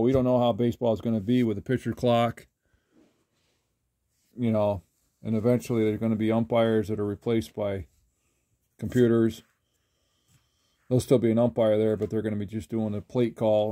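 An older man talking casually while sorting trading cards, rambling with halting restarts. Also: fairly low pitch, mellow, no room sound. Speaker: trading card collector. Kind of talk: casual card-flipping commentary. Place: indoors at a table.

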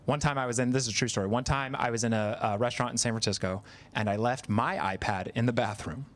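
A man's voice: mid-range voice, steady tone, fast talker. A man in his thirties performing stand-up comedy on stage, chatty and self-deprecating, acting out quoted voices. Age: 30s. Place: live comedy venue with audience.

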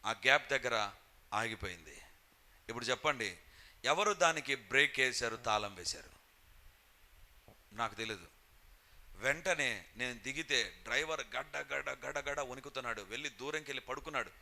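Bright-voiced preacher telling a story. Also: male voice, medium pitch, normal speed, pauses often. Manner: storytelling, acts out shouted quotes. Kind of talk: sermon testimony.

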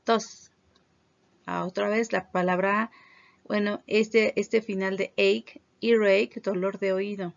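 Slow, gravelly-voiced teacher. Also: female voice, medium pitch, level tone. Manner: slow, careful pronunciation of English words with Spanish glosses. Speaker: primary school English teacher. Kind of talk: online class review, bilingual vocabulary drill. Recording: dull lo-fi recording.

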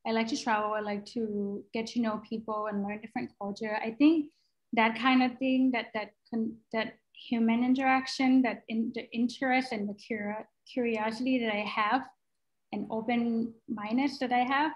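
Over a video call, a young Thai product designer answers questions as a guest, speaking into her laptop microphone. She talks in a steady, slightly high voice at a moderate pace, thinking aloud with fillers and restarts, and the recording sounds muffled.

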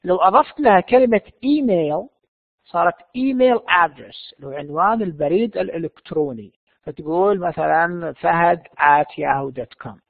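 High-voiced man teaching English, phone-like audio. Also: creaky, no echo. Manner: reads English slowly, explains in Arabic. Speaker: university English instructor. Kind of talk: distance-learning lecture. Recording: dry, tinny phone-like sound.

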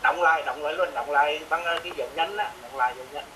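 A man teaching music software to a student, with a fairly high, bright voice. He gives patient, repetitive step-by-step instructions. Faint noise sits behind him. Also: racing, rough recording. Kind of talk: remote software lesson.

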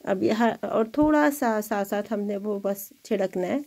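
Cooking in her kitchen for her home cooking channel, a woman chats encouragingly through a casual demonstration. Her mid-range voice is unhurried, gravelly, and dark-toned, and the recording is rough.

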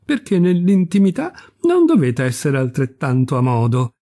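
A man's voice: a little high, wildly swooping pitch, unhurried, mellow, husky, no room sound, clean studio sound, full character voice. A man reading aloud voices a bold, teasing young woman who speaks frankly and mockingly.

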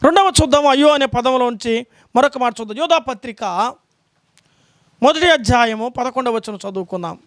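Very high-voiced preaching man. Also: moderate pace, fairly bright tone. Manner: emphatic preaching with repeated rhetorical questions; calls out lines for a reader to read aloud. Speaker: pastor. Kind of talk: sermon.

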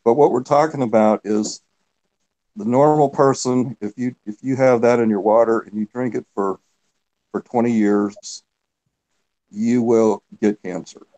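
A man's voice: medium pitch, steady tone, unhurried, warm tone, poor audio. A man who once worked as a geologist, giving plain explanations as a guest on a video call.

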